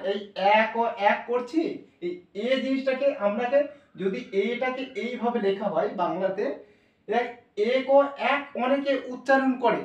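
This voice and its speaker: A male maths teacher with a Bengali accent gives an informal, reassuring lesson at a classroom blackboard, thinking aloud as he explains. His voice is very high, the highs are cut off, and the recording is roomy, with him heard from a distance.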